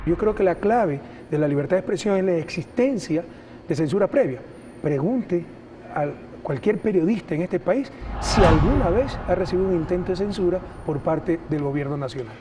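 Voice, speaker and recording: Man, interview clip, measured, high voice, background noise. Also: expressive. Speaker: interviewee on press freedom.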